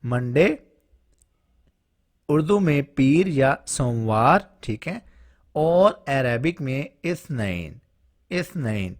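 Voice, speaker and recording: A man with a Pakistani Urdu accent teaching a vocabulary lesson, saying each word slowly and repeating it clearly for learners. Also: mid-range voice, very animated. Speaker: language teacher.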